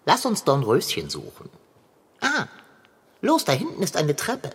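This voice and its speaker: Bossy know-it-all tomcat, a woman acts him out: husky, low, swooping wildly, light reverb. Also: wildly swooping pitch, a little slow, heavily acted. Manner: bossy, theatrical, ordering about. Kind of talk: children's radio play acting.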